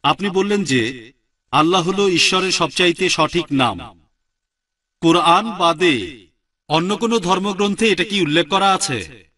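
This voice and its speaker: A man's voice: high voice, animated, unhurried, pauses often, sharp tone, far from the mic. A man in the audience introduces himself and politely asks the lecturer a question. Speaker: audience member asking a question.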